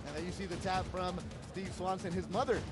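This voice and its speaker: A man's voice: high voice, steady tone, brisk, loud music behind the voice. A man calling a live MMA fight play-by-play, emphatic and given to storytelling.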